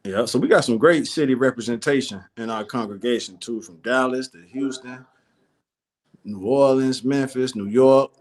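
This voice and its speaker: A man's voice: mid-range voice, moderate pace. A man, hosting a casual livestream chat and reading viewer comments aloud. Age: 40s. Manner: laid-back, reads viewer comments aloud. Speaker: show host.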